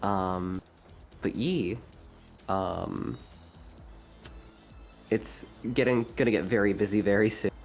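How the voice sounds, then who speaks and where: Young male stream guest, low-pitched, hesitant with many ums; internet audio choppy, cutting out; faint music bed. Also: slow, pauses often. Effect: choppy online audio cutting out mid-word. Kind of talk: casual chat. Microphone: computer mic over an online call.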